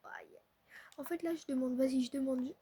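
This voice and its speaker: A young woman chatting excitably to her viewers while playing a football video game. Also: high-pitched, moderate pace. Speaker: gaming streamer. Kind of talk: casual live commentary on a football video game.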